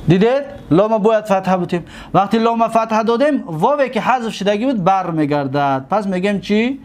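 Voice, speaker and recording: A man with a high voice and a Tajik accent leads a grammar lesson. He repeats each verb form slowly and deliberately, stopping often to check that his students follow. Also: lively intonation, darkish tone. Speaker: teacher of Arabic grammar. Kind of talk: classroom lesson.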